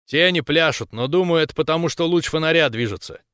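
A man voicing a brave, joking male space corporal who gives calm radio reports. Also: on the high side, brisk, smooth, no room sound, studio quality, lightly acted.

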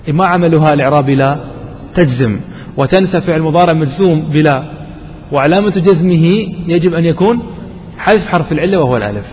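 Man teaching grammar in a reverberant hall. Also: fairly high pitch. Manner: asks questions, repeats examples slowly. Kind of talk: grammar lesson to students. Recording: roomy hall, faint background noise.

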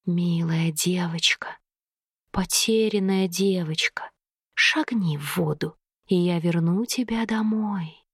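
A fish-tailed river creature coaxes her prey in a low, hushed, drawn-out whisper, as a woman narrator puts her on. Her sweetness hides a greedy hunger. The voice sits well below the narrator's own and stays close and dry. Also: breathy edge, no room sound, full character voice. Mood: coaxing whisper. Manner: whispery, slow, coaxing. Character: seductive female river creature, half fish, sly and hungry.

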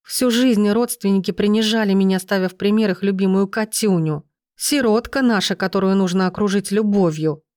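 A scheming, envious young woman, as a woman reader puts her on in a storybook, spiteful and whining. Her voice is pitched up a little above the narration and rises sharply when she is angry. The recording is close and dry. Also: animated, moderate pace, a little mellow, no echo, lightly acted. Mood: bitter whining.

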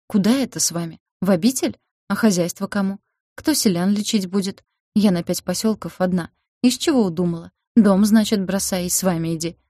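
A woman's voice: mid-range voice, a little fast, dark tone, no echo, studio quality, close to an everyday voice. A woman voicing a weary older village healer who frets, laments and scolds in a folksy way. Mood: indignant.

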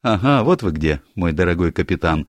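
A man's voice: sits low, lively intonation, moderate pace, no room sound, clean studio sound. A man voicing a teasing, outspoken young woman in an audiobook, gushing and theatrical. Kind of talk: audiobook character voice.

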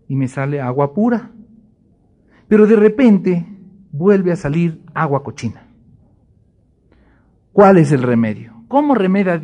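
A man teaching a Bible class in sermon style, lively, acting out short dialogues in other voices. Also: a little high.

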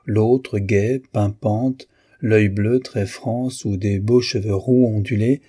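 A man reading a novel aloud as narrator, measured and expressive. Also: lowish voice, husky.

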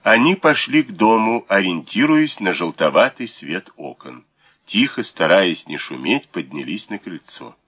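A man reads an audiobook aloud with expressive, measured storytelling. His voice is very low yet bright, and his pitch moves a lot. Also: husky. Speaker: audiobook narrator. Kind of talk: scripted audiobook narration.

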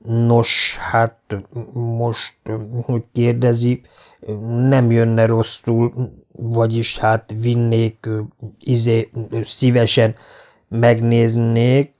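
A man's voice: fairly low pitch, fairly even intonation, darkish tone, close to an everyday voice. A man doing a stammering shy old farmer. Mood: bashful, flustered. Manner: halting, full of hesitations.

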